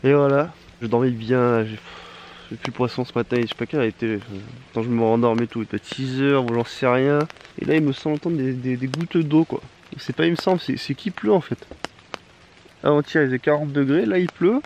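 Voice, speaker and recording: A man's voice: medium pitch, a little fast, a little mellow, a little hiss or hum. A man talking to camera while fishing outdoors by a rocky reservoir, in a chatty, exclaiming and self-mocking way. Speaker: fishing vlogger. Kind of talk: casual outdoor vlog to camera.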